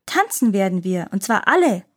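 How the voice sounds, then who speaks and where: A woman's voice: mid-range voice, big pitch swings, normal speed, a bit bright. A woman voicing a brave, determined mother in a folktale, speaking firmly. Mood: defiant.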